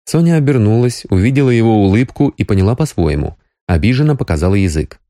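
A man's voice: lowish voice, expressive, fast, mellow, dry recording, studio quality. A man reading an audiobook as narrator, telling the story expressively. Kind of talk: scripted narration.

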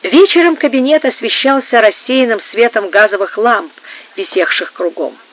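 A narrator reads a period novel in a steady, measured way. The pitch sits mid-range for the voice. The whole reading comes through a narrow, tinny band like a phone line. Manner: measured, even literary reading. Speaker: audiobook narrator. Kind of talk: audiobook reading of a historical novel.

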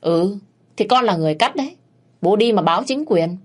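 A woman's voice: mid-range voice, expressive, brisk, pitched above the performer's own voice, close to an everyday voice. Woman doing a blunt, defiant young wife. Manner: sharp, blunt.

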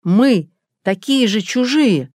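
Reader doing a scared young guy, shaky and a bit hoarse, audiobook voice, dry close sound. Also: mid-range voice, lively intonation, slow pace, a little mellow, no echo, pitched above the performer's own voice. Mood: protesting. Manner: shaken, hoarse. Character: frightened young man, panicky.

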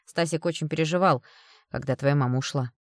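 A woman voicing a brash, loud-mouthed woman around forty who talks bluntly and teases. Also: deep voice, brisk, dry recording, studio quality. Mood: gossipy. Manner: blunt, boisterous, teasing.

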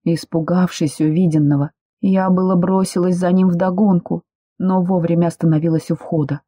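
A woman reads a first-person novel aloud with steady, expressive storytelling. Her voice is very dark and slightly husky. The sound is dry and close. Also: fairly low pitch, normal speed, no echo. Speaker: audiobook narrator.

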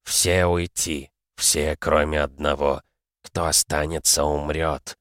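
A man voicing a strange birdlike female wind creature who speaks in slow, broken, halting phrases. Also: a bass voice, flat delivery, fairly bright tone, no room sound, studio quality, voice pushed down, full character voice. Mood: cryptic.

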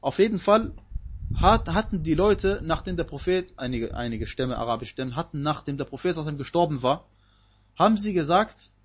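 A man's voice: on the high side, breathy edge, lo-fi sound. A man teaching a Quran commentary lesson, explaining emphatically and reciting Arabic verses between his points.

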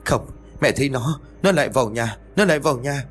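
Male narrator doing a frightened elderly grandmother in a spoken ghost story, raised pitch, pleading and panicky. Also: expressive, brisk, slightly rough. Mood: panicked.

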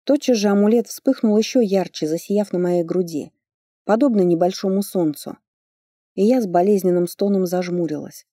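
Woman narrator for first-person fantasy audiobook; lively delivery, warm dark timbre. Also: medium pitch, normal speed, dry recording, studio quality.

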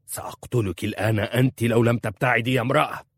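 Man as a stern desert chieftain, commanding, forceful, deep low voice, storybook, dry. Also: moderate pace, breathy edge, dry recording.

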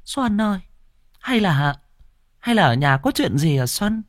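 A terrified mother from a spoken ghost story, put on by a male narrator, crying out in a strained, very high voice. Her calls leap wildly in pitch. The sound is dry and close. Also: very animated, a little slow, no room sound. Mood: shaken, breathless. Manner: wailing, frantic high cries. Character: desperate middle-aged village mother, shrieking.

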